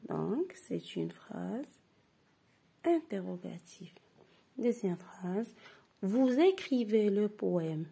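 A woman teacher going through a grammar exercise step by step, reading example sentences slowly and repeating them, then dropping to a breathy half-whisper to explain. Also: mid-range voice, very animated, mellow. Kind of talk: slow step-by-step grammar lesson.

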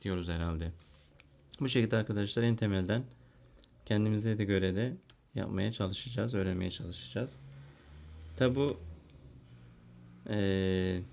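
A man's voice: fairly low pitch, a little mellow. A man from Turkey working as a primary school English teacher, walking through a lesson, translating and thinking aloud with fillers. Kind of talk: classroom lesson walkthrough. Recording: dull lo-fi recording.

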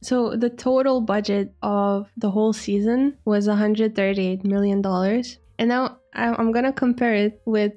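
A woman's voice: medium pitch, steady tone, normal speed, hardly any pauses, mellow, lo-fi sound. A woman hosting a podcast, chatting casually in an upbeat way, asking her co-host questions and laughing often.

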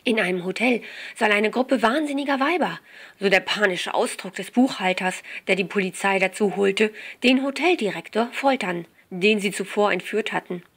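A woman narrating a short crime story, reading it aloud in a steady storytelling manner. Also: medium pitch, normal speed.

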